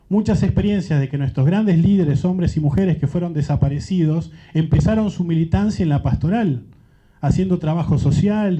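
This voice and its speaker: A man from Central America addresses a panel, reflecting aloud with an earnest, searching manner. His voice sits somewhat high yet sounds very dark and mellow. The recording is dull and muffled, like a lo-fi capture of a live event.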